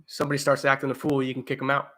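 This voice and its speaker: Young man, livestream host, casual rambling chat, bright clear tone, talking from home. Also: mid-range voice, monotone, rapid-fire. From eastern United States. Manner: rambling, lots of fillers and restarts. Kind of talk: casual live chat reading viewer comments. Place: home, indoors.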